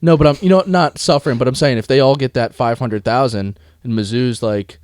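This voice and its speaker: Smooth-voiced, animated young man. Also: mid-range voice, a little fast, no room sound, studio quality. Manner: animated, tells anecdotes, swears casually. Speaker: podcast co-host. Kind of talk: casual sports talk.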